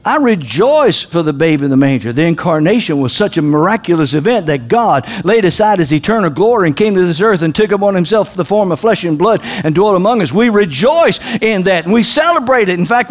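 Man, preacher, high voice, sermon, shouts and call-and-response. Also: sing-song, brisk, hardly any pauses. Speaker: pastor.

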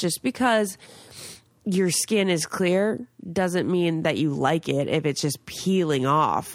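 A woman's voice: fairly low pitch, no echo, studio quality. Nasal woman podcaster, stuffed up with a cold. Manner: snobby-sounding. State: congested with a cold. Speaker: podcast host. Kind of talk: casual chat.

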